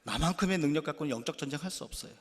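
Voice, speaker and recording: A male pastor preaching a sermon through stories, animated and candid, dropping to quiet asides and then rising into loud, emphatic bursts. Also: fairly high pitch, rapid-fire, big-room sound. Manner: candid, self-deprecating confession. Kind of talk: storytelling sermon.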